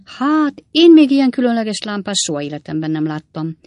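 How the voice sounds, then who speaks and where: A woman voicing a flustered, kindly elderly gentleman. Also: low-pitched, very animated, slightly rough, dry recording, clean studio sound, exaggerated voice.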